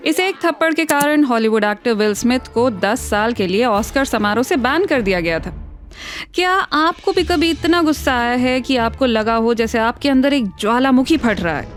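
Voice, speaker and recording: A woman's voice: fairly high pitch, animated, moderate pace. Chatty woman explaining health science. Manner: chatty and playful, speaking straight to viewers. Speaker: host of a health explainer series.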